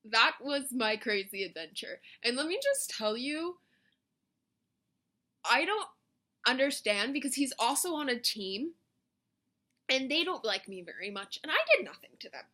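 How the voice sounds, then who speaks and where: A woman's voice: on the high side, sing-song, measured pace, pauses often, pushed and bright. A young woman telling a storytime vlog in a chatty, rambling way, full of "like" and little self-mocking laughs. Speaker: vlogger.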